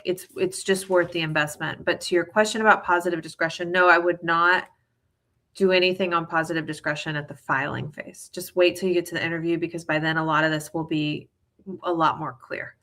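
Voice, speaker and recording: A woman's voice: lowish voice, fairly even intonation, brisk, a bit bright. A woman immigration lawyer answering viewer questions in a casual, explanatory way, with many fillers and a reassuring tone. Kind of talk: live viewer Q&A.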